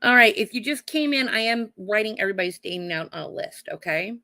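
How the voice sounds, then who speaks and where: A woman with a cold, her voice going hoarse, giving live psychic card readings and calling her viewers honey and darling while checking in with "okay?". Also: mid-range voice, animated, a little fast, pushed and bright. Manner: calls viewers honey and darling, adds "okay?" tag questions.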